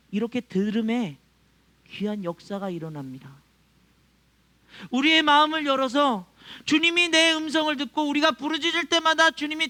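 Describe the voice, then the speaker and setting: A man's voice: extremely high pitch, pushed and bright. A male pastor preaching a sermon to his congregation, acting out quoted voices and chuckling often. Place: church.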